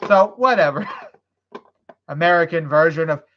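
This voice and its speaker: A woman live streamer rambles casually in a loose, profane chat, swearing freely after a few beers. Her voice sits low and unhurried, and the audio is dull and lo-fi.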